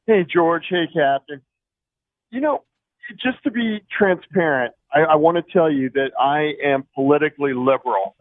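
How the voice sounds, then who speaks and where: A man's voice: on the high side, normal speed, no echo. A man calling in to a talk show over a phone line, rambling with many fillers and restarts. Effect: phone line into a call-in show. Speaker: caller. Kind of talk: call-in radio chat. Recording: tinny phone line, dry.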